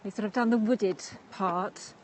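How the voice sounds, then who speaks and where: Her voice is medium-pitched and darkish, a little slow, with a touch of hiss or hum on the recording. She's an English woman walking outdoors by a busy lake, casually livestreaming from her phone, chatty and full of fillers and laughs.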